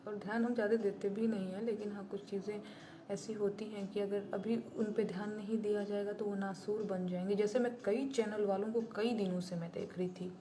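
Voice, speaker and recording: A woman's voice: medium pitch, little pitch movement, fairly quick, dark tone. A woman singer-songwriter talking bluntly and indignantly to her viewers on a live stream. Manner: blunt and indignant, plain-spoken.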